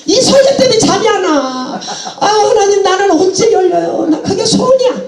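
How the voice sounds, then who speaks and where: A woman's voice: very high-pitched, expressive, normal speed, darkish tone, echoey room. A woman preaching a sermon with passion, laughing and exclaiming as she goes, mixing English phrases into her talk.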